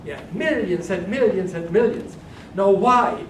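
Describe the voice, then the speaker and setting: High-pitched and animated with a fairly bright tone, an older man from Germany speaks at a measured pace while taking questions in a conference keynote. His delivery stumbles with restarts and fillers. The audio, from a far-off room camera in a large carpeted room, is echoey and noisy.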